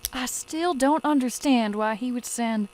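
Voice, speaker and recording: A woman voicing a gentle, weary former nurse in a cartoon fan dub, measured, long-suffering and kindly. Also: fairly high pitch, low-quality recording. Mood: measured, subdued. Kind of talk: animated fan dub acting.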